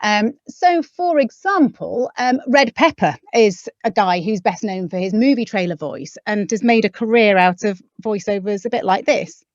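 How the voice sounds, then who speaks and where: A woman's voice: mid-range voice, animated, moderate pace, few pauses, no room sound. Chatty woman voiceover artist. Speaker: voiceover artist and webinar co-host. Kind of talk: casual webinar talk. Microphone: audio-only call microphone. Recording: dull, slightly lo-fi call audio.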